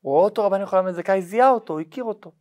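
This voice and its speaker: A man's voice: high-pitched, lo-fi sound. Man telling a story as a rabbi. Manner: animated, dramatic, checks in with listeners. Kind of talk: storytelling lesson.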